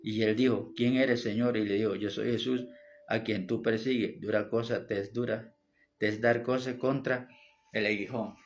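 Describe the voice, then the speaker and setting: A man's voice: lowish voice, steady tone, normal speed, lo-fi sound. A man preaching a fervent sermon, addressing listeners as brother and quoting scripture. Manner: fervent, repeats "mi hermano", quotes scripture. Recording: music playing behind.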